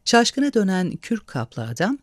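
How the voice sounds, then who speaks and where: A man reading a novel aloud in a measured, expressive narration. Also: a little high, dry recording, studio quality. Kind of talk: storybook narration.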